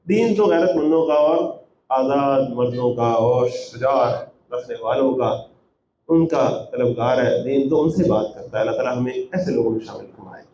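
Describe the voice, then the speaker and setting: A man's voice: medium pitch, warm tone, highs cut off. Man explaining scripture in an echoey room. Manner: recites Arabic verses then explains in Urdu, rhetorical questions. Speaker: Quran translator and teacher. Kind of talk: Quran translation with commentary. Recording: echoey room with faint noise.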